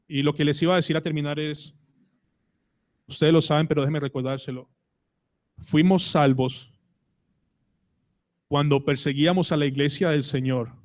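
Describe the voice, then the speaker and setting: A man's voice: a little high, steady tone, fairly quick. A man with a Colombian Spanish accent preaching a sermon in church, asking the congregation questions and retelling conversations. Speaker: pastor.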